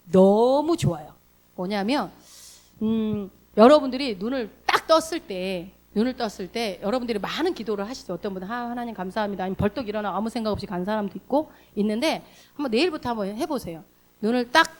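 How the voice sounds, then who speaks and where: A woman pastor preaching a sermon in a casual, direct way, asking the congregation questions and swinging from loud emphatic bursts to hushed soft asides. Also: medium pitch. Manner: laughs during delivery. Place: church sanctuary.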